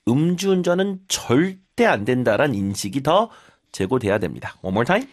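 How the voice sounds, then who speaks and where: A Korean man runs an English lesson with a lively, swinging voice. He explains in an encouraging tone and drags words out slowly when he models pronunciation. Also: mid-range voice. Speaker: English teacher.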